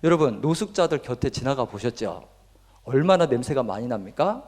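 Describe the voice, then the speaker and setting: A man's voice: mid-range voice, expressive, fairly quick, a little mellow. A male pastor preaching a sermon, retelling a story earnestly and with emphasis. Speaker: guest pastor. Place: church sanctuary. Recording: long reverb of a church hall.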